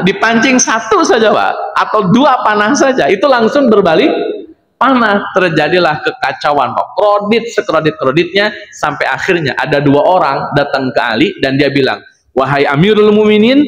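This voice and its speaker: A man's voice: fairly high pitch, reverberant, big-room sound. A man preaching a study session in a mosque, telling stories with acted-out dialogue and often addressing the audience directly. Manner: lively storyteller addressing men as "Pak", acting out dialogue. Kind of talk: mosque study lecture, storytelling. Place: mosque hall.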